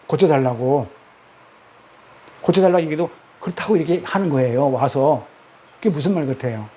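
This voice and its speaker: Man, high voice, Bible study teacher, rhetorical questions, emphatic repetition. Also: lively intonation, normal speed, mellow, slight background noise. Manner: asks constant rhetorical questions; emphatic, repeats key words.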